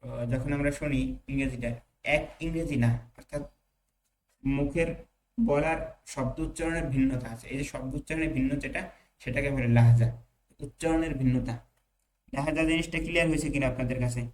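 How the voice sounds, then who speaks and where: Man teaching Arabic in a slow, hesitant lecture. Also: mid-range voice, a little mellow, a little hiss or hum, low-quality recording. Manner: reads Arabic slowly, then explains with hesitant fillers and asides to students. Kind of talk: online class lecture, explaining Arabic text in Bengali.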